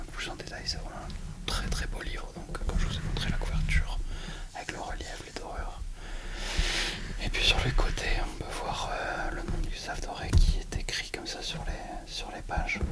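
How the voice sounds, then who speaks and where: A person whispering a book presentation for ASMR, speaking in a hesitant, self-deprecating way into a close mic. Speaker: ASMR video creator.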